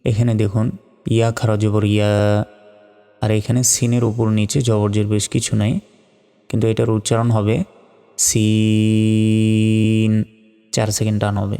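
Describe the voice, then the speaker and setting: A man teaching Quran recitation, carefully spelling out each letter and vowel mark, then chanting the words in long drawn-out tones. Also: fairly low pitch, little pitch movement, creaky, mellow, in a large hall, soft background music. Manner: slow, deliberate spelling out, drawn-out melodic recitation.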